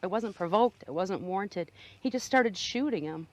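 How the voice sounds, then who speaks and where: A woman giving an emotional, emphatic and halting eyewitness account in a news interview. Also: medium pitch, lively intonation.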